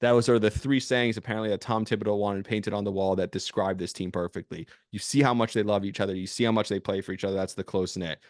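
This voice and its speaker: A man hosting a sports podcast, delivering an opinionated, emphatic monologue in a casual way that builds into loud bursts. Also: on the low side, steady tone, quick pace, few pauses, dry recording, clean studio sound. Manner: casual with fillers and restarts.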